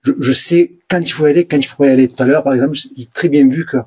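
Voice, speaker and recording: A man with a southern French Provençal accent, vlogging as he explores the ruins of an abandoned building. He talks excitably, repeats words and drops to hushed mutters. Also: mid-range voice, fast. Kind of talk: exploring and narrating to camera.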